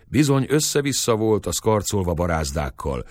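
A man narrating a classic tale in an expressive storytelling manner. His voice is low and moves widely in pitch. The recording is dry and close, with no room sound. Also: dry recording.

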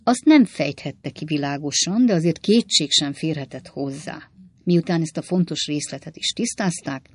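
A woman reading a novel aloud in steady, measured scripted narration. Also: low voice, breathy edge, dry recording. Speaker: audiobook narrator.

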